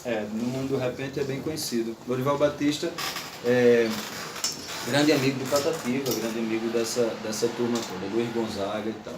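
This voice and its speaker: A man's voice: medium pitch, moderate pace, reverberant, recorded from a distance, background noise. A man giving an informal, playful lecture to an audience. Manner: animated, playful, recites verse aloud.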